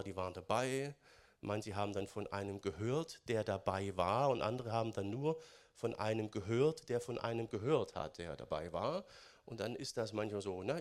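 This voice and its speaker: A man giving a sermon in German, chatty and conversational, often adding "ne?" and swinging between loud stressed phrases and quiet musing. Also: on the low side. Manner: conversational, keeps adding "ne?" tags. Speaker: preacher.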